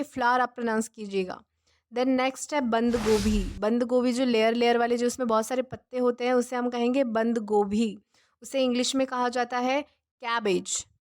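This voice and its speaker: A young woman teaching an English vocabulary lesson, drilling each word slowly with questions and repeated answers. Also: fairly high pitch. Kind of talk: spoken language lesson.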